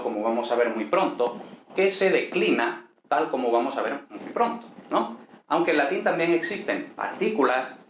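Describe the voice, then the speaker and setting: A man, explaining a language lesson at an unhurried pace, with many checking questions and fillers. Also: mid-range voice. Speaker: teacher. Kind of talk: explaining ancient Greek lesson. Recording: echoey room with faint noise.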